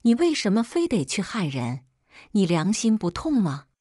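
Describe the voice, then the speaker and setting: A woman's voice: mid-range voice, very animated, moderate pace, dark tone, no room sound, clean studio sound. Woman doing an enraged patient father. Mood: accusing. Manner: furious, shaking. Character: angry, long-patient older father.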